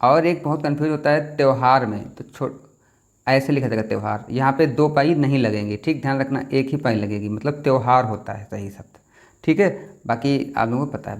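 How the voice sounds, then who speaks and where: Hindi exam teacher, explaining and checking. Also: male voice, mid-range voice, moderate pace. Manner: explanatory, repeats rhetorical questions and "theek hai". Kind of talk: exam-prep lesson.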